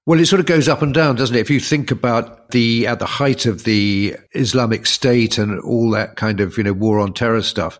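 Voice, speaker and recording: A man co-hosting a podcast, croaky from illness, giving discursive, measured analysis in a conversational way. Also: medium pitch. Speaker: podcast co-host.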